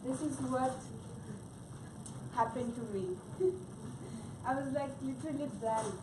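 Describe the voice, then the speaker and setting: A slow-paced, high-pitched, steady voice belongs to a young woman from Nepal whose native tongue is Gurung. Presenting to her class with a Nepali accent, she hesitates, fills pauses, and restarts often. The audio is distant, noisy, and echoey.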